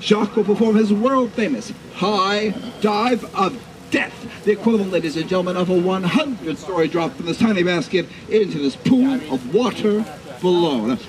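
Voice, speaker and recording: At a community event, a flea circus showman addresses the live audience as ladies and gentlemen, delivering grandiose, mock-formal carnival patter with dramatic, drawn-out emphasis. His voice sits high, and crowd noise from the audience fills the background.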